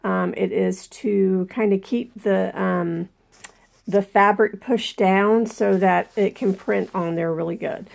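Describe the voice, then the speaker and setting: Woman, craft tutorial host, slight gravel and fry, has a cold and sounds a bit breathless, casual and full of ums while working. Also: medium pitch, fairly even intonation, takes it slowly, darkish tone. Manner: chatty, many ums, talks while working the machine. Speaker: embroidery channel host.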